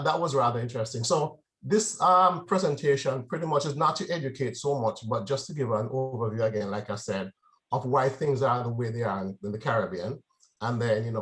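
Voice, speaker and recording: With a medium-pitched, slightly bright voice, a man from Jamaica talks informally to a club. His presentation is conversational, peppered with "right?" as he checks in with listeners.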